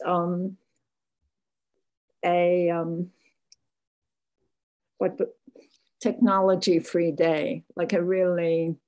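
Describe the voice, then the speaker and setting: A woman's voice: medium pitch, mellow. A woman taking part in an online class, sharing her thoughts hesitantly and searching for words. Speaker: class participant.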